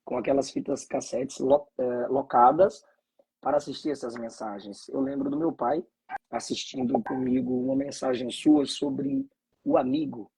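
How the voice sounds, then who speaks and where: A pastor from Bahia, Brazil, talks and reflects on preaching in a fervent preacherly cadence, with frequent hallelujahs. His mid-range voice is gravelly, dark and breathy, with lively intonation at a moderate pace. The recording quality is low.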